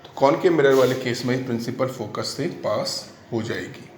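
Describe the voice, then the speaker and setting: Male tutor, dictates notes slowly and repeats them; roomy, echoey recording. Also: mid-range voice, a little mellow. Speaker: teacher. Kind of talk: classroom physics lesson, dictating notes. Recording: echoey room, faint background noise.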